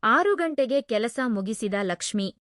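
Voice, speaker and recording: A woman narrating a first-person story in a calm, measured way. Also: on the high side, no room sound, clean studio sound.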